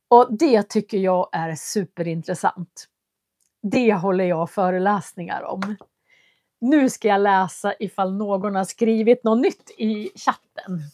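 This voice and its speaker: Answering viewer comments with friendly hesitations, a woman who teaches languages chats casually on a livestream. She's from Köping in Västmanland, Sweden, and speaks at medium pitch in a dry, clean studio recording.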